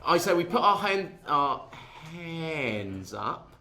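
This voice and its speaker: Halting, giggly man at the game table. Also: a little high, sing-song, pushed and bright, roomy sound. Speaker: player. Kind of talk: casual tabletop game chat.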